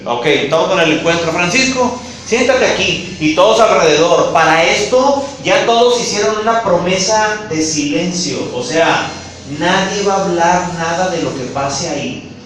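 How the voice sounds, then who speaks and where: A man from Mexico, preaching a sermon to his congregation in an animated way and calling them brothers. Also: high voice, a little slow, slight background noise. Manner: animated, addresses listeners as brothers. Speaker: pastor. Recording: echoey room, mic far off.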